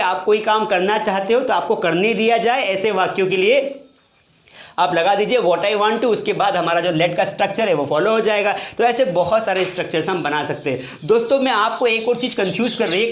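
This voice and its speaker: Give me a high-voiced Indian man teaching English grammar. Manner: lively, questioning students often. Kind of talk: whiteboard grammar lesson. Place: classroom with board. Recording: echoey room.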